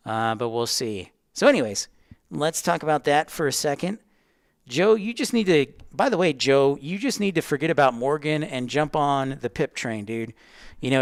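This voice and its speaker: A man hosts a livestream teaching plane-spotting tools, casually walking viewers through online tools step by step and chatting with them directly. His mid-range voice is smooth, recorded in studio quality with no room sound.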